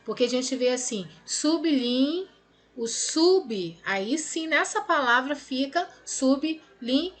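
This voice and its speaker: This is a recorded grammar lesson where a woman with a Brazilian Portuguese accent corrects exercises step by step. Her high-pitched, expressive voice moves slowly as she spells words out in syllables and checks in often with her students.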